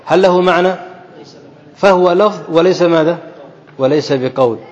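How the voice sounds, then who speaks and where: A man with a slightly raised voice gives a classical grammar lesson. He keeps quizzing his students, repeating key phrases slowly and deliberately. The audio is muffled and carries a long reverb, as though recorded in a big hall or mosque classroom. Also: on the high side, a little mellow. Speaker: teacher of Arabic grammar.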